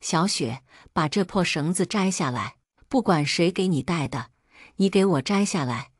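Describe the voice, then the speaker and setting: A controlling, possessive husband who demands and accuses, voiced by a woman narrator. The voice stays low and is recorded close and dry, like a story narration. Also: expressive, moderate pace, husky, no room sound. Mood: demanding. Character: angry possessive husband, male adult.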